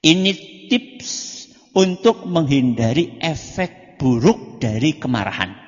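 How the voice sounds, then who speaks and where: A man giving a religious study lecture as a preacher, joking, asking the audience questions and answering them himself, and moving between loud and soft delivery. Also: fairly high pitch, sing-song, slow pace. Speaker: Islamic preacher. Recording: dull lo-fi recording in a reverberant hall.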